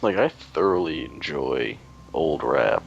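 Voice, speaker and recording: A man's voice: very deep voice, very animated, slow pace, vocal fry, highs cut off, a little hiss or hum. A young man hosting a let's play, chatting casually in a rambling way with lots of fillers and crude jokes. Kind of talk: casual chat while gaming.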